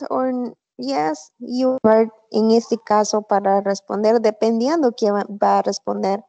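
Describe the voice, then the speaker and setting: Slow, careful woman teaching online. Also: fairly high pitch, gravelly, mellow, no echo. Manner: slow, careful, repeats example phrases. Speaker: English teacher. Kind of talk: online class explanation. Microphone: computer mic on a video call. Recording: slightly dull online class audio.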